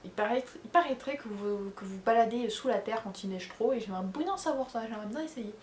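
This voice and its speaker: A woman's voice: on the high side, brisk, roomy sound, a little hiss or hum. A young woman from France with a Charente accent, chatting casually to viewers, rambling with lots of fillers and self-corrections. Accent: French from the Charente region. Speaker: vlogger answering viewer questions. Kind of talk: casual chat. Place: bedroom at home.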